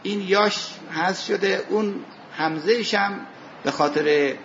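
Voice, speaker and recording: Guy teaching religious grammar class, quizzes the room, highish voice, bit of hiss on a muffled recording. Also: a bit bright. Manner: explanatory, poses questions to students and answers them; recites Arabic verses slowly. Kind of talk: seminary lecture on Arabic grammar and scripture.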